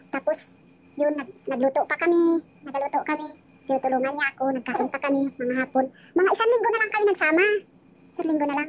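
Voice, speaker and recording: A woman's voice: sits high, lo-fi sound. A woman casually telling her life story on a live chat, rambling and emotional, often restarting her sentences.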